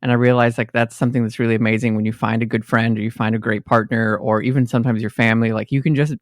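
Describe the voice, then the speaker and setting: Here is a man co-hosting a music podcast, friendly and talkative, with plenty of filler ums. His pitch sits in an ordinary middle range. The sound is close and dry, with no room around it. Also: flat delivery, fast talker, no room sound. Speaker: podcast co-host. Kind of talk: casual chat.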